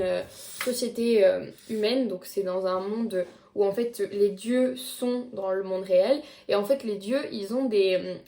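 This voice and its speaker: A young woman chatting casually about books she read, with many fillers and restarts as she shows them to the camera. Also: a little high. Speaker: book vlogger. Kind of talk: casual chat. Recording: echoey room.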